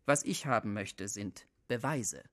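A man's voice: fairly low pitch, expressive, unhurried, a bit bright, pitched below the performer's own voice. A man voicing a proud, defiant young man who speaks earnestly and insistently. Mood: indignant.

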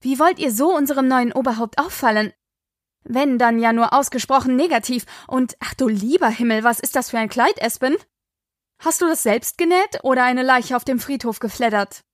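A woman's voice: high voice, normal speed, no room sound, studio quality, close to an everyday voice. A woman reading an audiobook, voicing a stern, disapproving grandmother. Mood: scolding. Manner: sharp, disapproving.

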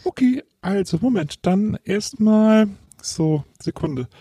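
A man playing a fussy customer who counts coins out loud and keeps losing track. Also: high-pitched, animated, slow pace, husky, dry recording, exaggerated voice.

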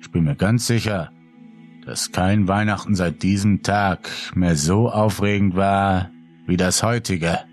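A man voicing a cruel male intruder who taunts his captives in a slow, sneering way, with a husky voice. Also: low voice, soft background music. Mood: mocking.

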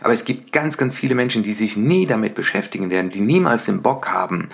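A middle-aged man hosting a motivational podcast, talking lively and acting out little everyday scenes in changing voices. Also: lowish voice, quick pace, creaky. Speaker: podcast host and coach.

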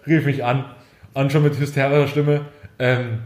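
A man's voice: mid-range voice, flat delivery, a little fast, darkish tone, reverberant. A man hosting a podcast, telling a long story in casual chat and rambling through restarts. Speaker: podcast host.

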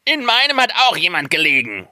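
A man voicing a group of little male dwarfs in a storybook reading, with a high squeaky voice. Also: wildly swooping pitch, measured pace, sharp tone, no room sound, clean studio sound, heavily acted. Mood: puzzled.

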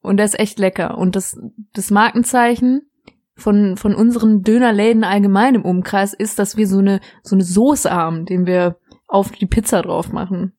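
A young woman co-hosting a casual podcast, rambling through anecdotes. She giggles often and restarts her sentences. Her voice sits at an ordinary pitch for a woman. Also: steady tone, moderate pace, darkish tone. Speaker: podcast co-host. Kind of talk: casual chat.

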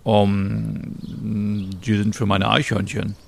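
Man as a kind quirky young man, easygoing, slow, gravelly. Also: fairly low pitch, monotone, darkish tone, exaggerated voice. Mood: friendly. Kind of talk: voicing characters in a narrated story.

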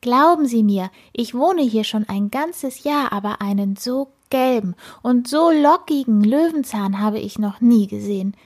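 A woman's voice: fairly high pitch, lively intonation, measured pace, hardly any pauses, a little mellow, voice pushed up. Woman doing a gushing little storybook creature. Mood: smitten. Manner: gushing, wistful. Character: cheerful, lonely little park dweller.

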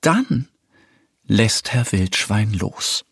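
A man narrating a children's story in a lively, unhurried storytelling manner. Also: lowish voice, creaky, husky, no room sound, studio quality.

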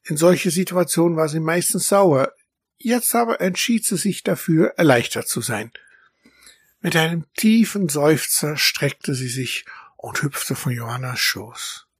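A man reading a children's story aloud as a narrator, calm and measured. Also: fairly high pitch, husky, no room sound, studio quality.

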